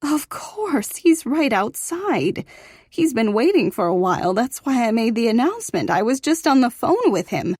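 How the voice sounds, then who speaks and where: A woman's voice: fairly high pitch, big pitch swings, normal speed, darkish tone, breathy edge, no echo, studio quality, voice pushed up. Woman playing a fussy older school receptionist. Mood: fussing.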